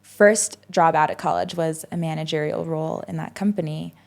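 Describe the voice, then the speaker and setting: A woman's voice: low-pitched, fairly even intonation, normal speed, creaky, a little mellow. A woman in her twenties, a podcast guest, talking casually and reflectively, with many fillers and restarts. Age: 20s. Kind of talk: casual conversational interview.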